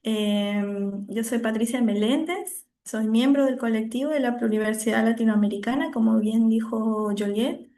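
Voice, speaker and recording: Peruvian woman moderating a video call, friendly, kinda high voice. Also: normal speed, mellow. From Peru. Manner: friendly and welcoming, with fillers. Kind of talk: moderating an online talk.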